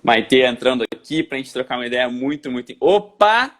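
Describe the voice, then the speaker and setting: A man's voice: medium pitch, animated, a little fast, fairly bright tone. Upbeat Brazilian man hosting a live chat. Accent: Brazilian Portuguese. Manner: upbeat and enthusiastic. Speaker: host. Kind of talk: casual live-stream chat.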